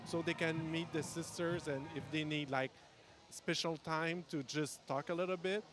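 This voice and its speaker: Founder, male, slightly high voice, hesitant English, outdoors. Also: steady tone, moderate pace, a bit bright, soft background music. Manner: hesitant, second-language English. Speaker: founding member of a charity order. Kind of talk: interview answers.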